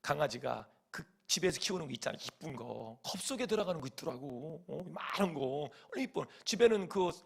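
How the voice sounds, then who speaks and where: Man, pastor, sermon, a bit high, gravelly, animated storytelling. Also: fairly quick, few pauses. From Chungcheong, Korea. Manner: animated storytelling, mimics voices and hums folk song lines. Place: church sanctuary.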